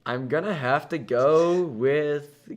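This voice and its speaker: A man's voice: on the high side, slow pace. A young man as a guest on a casual podcast, thinking aloud hesitantly and often breaking into a laugh. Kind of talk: casual chat.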